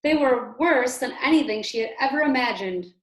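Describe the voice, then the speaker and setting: Echoey, higher-pitched woman reading to children. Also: lively intonation, moderate pace. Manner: theatrical, with emphasis and explanatory asides. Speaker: kindergarten teacher. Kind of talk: expressive storybook read-aloud for young children. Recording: echoey room.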